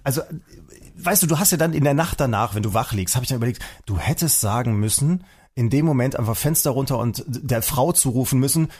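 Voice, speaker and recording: A man telling a personal story in casual chat, animated, acting out the people he quotes. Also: mid-range voice, a little fast, breathy edge.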